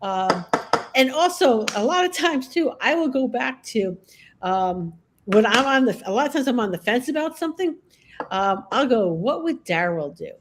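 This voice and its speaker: A woman with a slightly high voice telling stories from her working life in casual chat. She keeps checking in with her listeners, tossing in "okay?" and "all right?" as she goes. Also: expressive, moderate pace, slight background noise. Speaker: guest groomer and educator. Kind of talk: casual podcast conversation.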